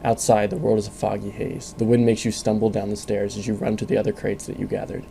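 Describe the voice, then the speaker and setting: A male narrator tells a second-person story in a calm, measured delivery. His voice is dark and gravelly, sitting low with little rise and fall. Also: a little hiss or hum.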